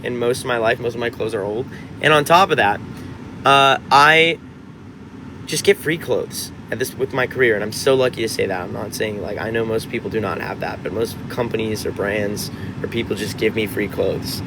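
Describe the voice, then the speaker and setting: A man's voice: on the low side, moderate pace, background noise. A man in his twenties, a musician chatting casually on a livestream, reading out comments and rambling with frequent restarts. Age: 20s.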